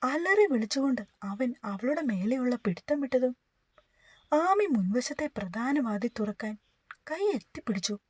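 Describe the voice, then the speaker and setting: A woman narrating a romance novel in a steady storytelling manner. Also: a little high, measured pace, slightly rough, no echo. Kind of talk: novel reading.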